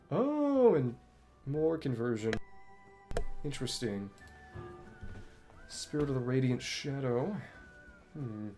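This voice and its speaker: A streamer gives casual gameplay commentary in a mid-range, slightly mellow voice, thinking aloud and reading game text as he plays, with game music in the background.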